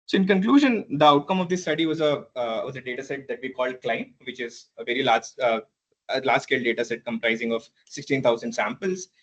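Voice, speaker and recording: A man presenting a PhD thesis defense in a halting, hedging academic way, often repeating words and clearing his throat. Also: medium pitch, a bit bright, lo-fi sound. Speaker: PhD candidate.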